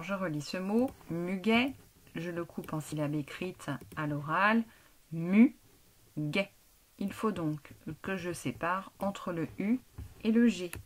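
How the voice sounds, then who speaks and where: A woman teacher giving a phonics lesson to a young child, speaking slowly and clearly and guiding each step. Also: fairly low pitch.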